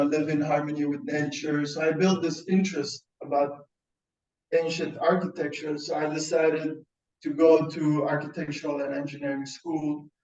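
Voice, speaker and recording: A man's voice: fairly high pitch, darkish tone. A man from Iran who grew up in Sweden, giving a webinar talk on a video call and often restarting his words. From Iran, raised in Sweden. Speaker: founder presenting a webinar. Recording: distant roomy lo-fi sound.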